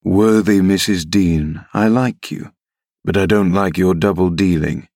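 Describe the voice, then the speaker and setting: A man reading as a menacing middle-aged gentleman villain in a classic novel, mocking, commanding and insinuating. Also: sits low, steady tone, a little slow, no room sound, studio quality. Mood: wheedling. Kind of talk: audiobook character reading.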